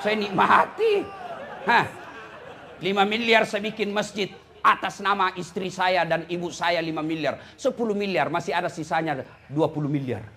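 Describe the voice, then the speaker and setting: A man with a Makassar Indonesian accent preaching a lively sermon, teasing and scolding his listeners with jokes, over faint noise from a live venue. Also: high-pitched, moderate pace, a crowd in the background.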